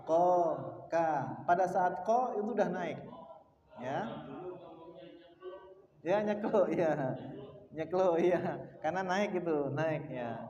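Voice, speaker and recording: A man's voice: high-pitched, a little mellow. A man with an Indonesian accent teaching Quran pronunciation to a class, patiently drilling letter sounds aloud for students to repeat. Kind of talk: mosque class lesson. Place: mosque hall. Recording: echoey mosque hall, distant dull sound.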